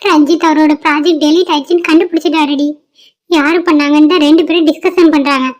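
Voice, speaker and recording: A woman's voice: high voice, steady tone, quick pace, close to an everyday voice. A woman voicing a timid, frightened young office worker in a cartoon, talking anxiously. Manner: anxious, fearful. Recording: dull lo-fi cartoon audio.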